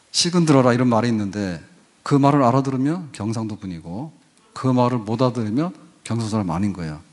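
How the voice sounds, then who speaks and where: A man's voice: lowish voice, a little mellow. An older man preaching a sermon as pastor in a church, folksy and conversational, rising to emphatic peaks. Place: church sanctuary.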